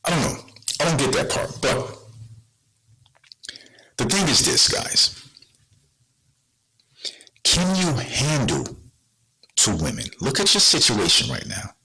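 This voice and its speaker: Husky, lively-voiced man riffing to viewers. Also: mid-range voice, takes it slowly, pauses often, poor audio. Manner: blunt, rhetorical questions, streetwise slang. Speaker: podcast host. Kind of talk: casual monologue to viewers.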